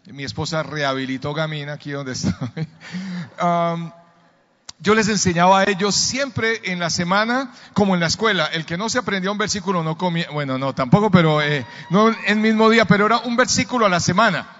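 A man's voice: sits high, a little fast, fairly bright tone. A middle-aged man, a pastor preaching and telling a story, calling the congregation to answer back. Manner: storytelling, calls for audience responses. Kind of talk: sermon. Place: church hall. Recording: dull sound, long reverb in a church hall.

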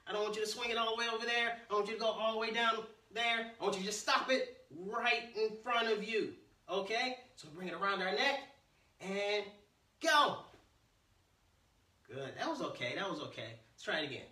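A man teaches a children's martial arts class in a high-pitched, very sharp and forceful voice. He talks like a playful kids' entertainer, teasing, encouraging and calling out commands. The sound is echoey, picked up from across a room. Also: fast talker. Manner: energetic counting and barked commands. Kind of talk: livestreamed kids' exercise class, call-and-response instruction. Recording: roomy echo, distant from the mic.

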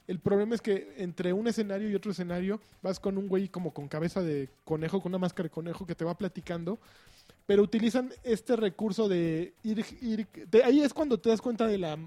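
A man's voice: sits high, fairly quick, mellow. A Mexican man talking casually and colloquially as co-host of a gaming podcast. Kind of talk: casual video game chat.

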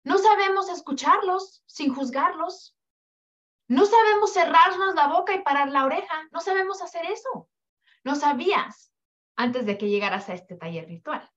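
A middle-aged woman with a high voice preaches to mothers in a podcast monologue. She fires off rhetorical questions and acts out what mothers and children say. The sound is dull and lo-fi. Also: lively intonation, moderate pace, fairly bright tone. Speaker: podcast host and parenting coach. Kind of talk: motivational monologue.

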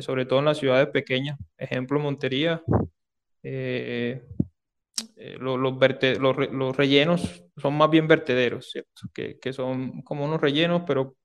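A man with a Colombian Caribbean coastal accent explains things as an interview guest, hesitantly, repeating words and adding tag questions. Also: mid-range voice. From Córdoba, Caribbean coast of Colombia. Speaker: interview guest, engineer and researcher. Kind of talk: spoken interview answers, explanatory.

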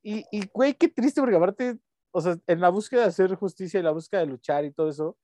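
A young man with a Mexican Spanish accent co-hosts a podcast, rambling in slangy casual chat and breaking into bits of song. His voice sits high with a dark tone and quick pace, in a dry recording.

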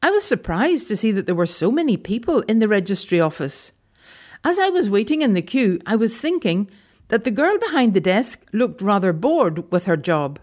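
A woman from Ireland, telling a personal anecdote in a gentle, measured way. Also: medium pitch, big pitch swings. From Northern Ireland. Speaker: storyteller. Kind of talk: anecdote storytelling.

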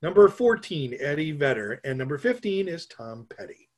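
A middle-aged man from Minnesota, talking in a fairly high voice. He rambles in easygoing podcast chat and pokes fun at himself. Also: big pitch swings, moderate pace, darkish tone. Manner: rambling, joking, self-mocking. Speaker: podcast co-host. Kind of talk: casual chat.

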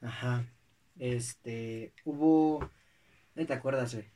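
A young man in a relaxed, teasing, slangy chat with a friend. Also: mid-range voice, takes it slowly. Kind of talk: casual chat.

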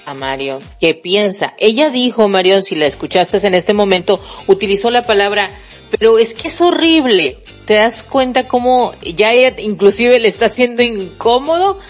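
A woman hosts a talk show in a relaxed, conversational way, picking up on what others say and asking her guests follow-up questions. Her voice sits at a middle pitch. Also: moderate pace, hardly any pauses, soft background music. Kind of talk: radio talk show hosting.

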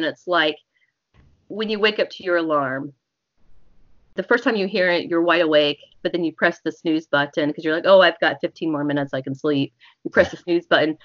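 A woman's voice: lowish voice, a bit bright. A woman speaking as an interview guest, casually explaining hypnosis technique in a chatty, conversational way. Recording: echoey, muffled lo-fi call audio.

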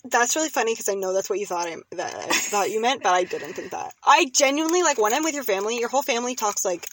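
A young woman co-hosting a podcast, chatting casually in an animated, rambling way. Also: on the high side, quick pace, a little hiss or hum, poor audio. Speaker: podcast co-host. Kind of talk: casual chat.

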